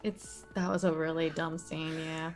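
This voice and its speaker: A woman's voice: sits low, flat delivery, unhurried, faint music behind. A woman casually chatting with friends over gameplay, adding short reactions and jokey asides. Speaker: gaming channel co-host.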